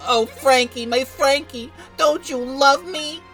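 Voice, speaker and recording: A man voicing a lovestruck young woman, a mob boss's daughter, in a high, dramatic falsetto while reading game text aloud. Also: slow, music in the background, exaggerated voice. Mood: pleading. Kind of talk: playthrough voice acting of game text.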